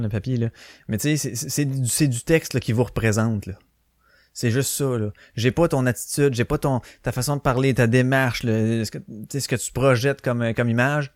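The podcast host here is a man with a Québécois French accent, telling stories on a casual solo show with lots of swearing and ranting, acting out the quotes as he goes. His voice is mid-range, and the sound is clean studio audio with no room sound.

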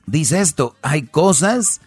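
A man's voice: a little high, lively intonation, slow, slightly rough, no echo, soft background music. A man hosting a comedy radio show, talking in a mocking, slangy, rambling way.

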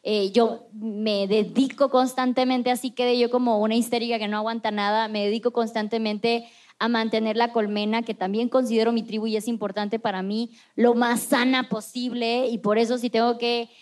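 Lively higher-voiced woman hosting. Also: moderate pace. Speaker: podcast host. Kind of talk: casual podcast chat.

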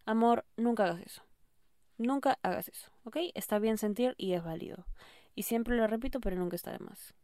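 A woman hosting an advice podcast, speaking affectionately to the listener and often checking in with a quick question. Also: on the high side, mellow, no echo, clean studio sound. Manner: affectionate, calls listener "mi amor", keeps asking "¿ok?". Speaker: podcast host. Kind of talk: advice monologue.

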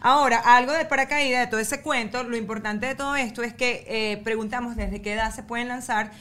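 A woman's voice: on the high side, steady tone, brisk, a bit bright. A woman, a mother and podcast guest, chatting in an emphatic, talkative way. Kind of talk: casual chat.

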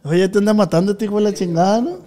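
A man's voice: high-pitched, fast talker, mellow. A man with a Sinaloa Mexican accent hosting a casual chat, prodding with teasing, slangy questions. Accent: Sinaloa Mexican Spanish. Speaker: host.

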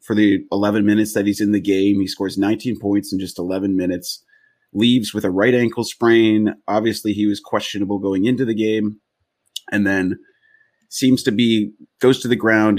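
Male sports podcast host, fairly low voice, conversational recaps. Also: a little mellow. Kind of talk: casual sports podcast hosting with game recaps.

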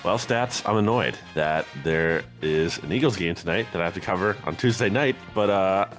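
A man's voice: low-pitched, normal speed, a bit bright, faint music behind. A man co-hosting a sports podcast in casual, conversational talk full of hedging asides. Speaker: podcast co-host.

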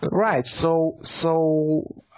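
A man co-hosting a casual sports talk show, his voice sitting a little high for a man. He rambles, circling back with fillers and restarts as he works through his thoughts. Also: fairly even intonation, extremely slow. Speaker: podcast co-host.

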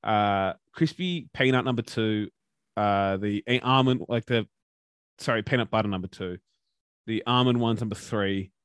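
Rambling podcast co-host. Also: male voice, on the low side, normal speed, clean tone, dry recording, studio quality. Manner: rambling, swears casually, many restarts. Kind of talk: casual podcast chat.

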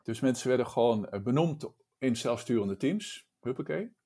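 A man's voice: mid-range voice, lively intonation, normal speed, dark tone. A man leading a discussion, speaking thoughtfully and often restarting his phrases. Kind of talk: casual discussion.

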